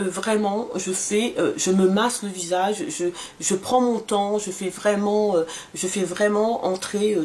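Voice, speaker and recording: A woman's voice: medium pitch, a little mellow. A woman in her forties casually reviewing a skincare serum for her vlog, talking with many fillers and restarts. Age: 40s. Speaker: beauty vlogger.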